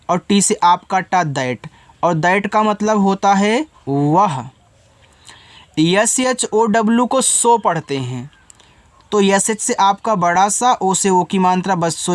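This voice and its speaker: Slow-spelling male English teacher. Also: sits high, no echo. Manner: spells words letter by letter, slow and deliberate; patient, coaxing teacher talk. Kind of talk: spelling lesson for beginners.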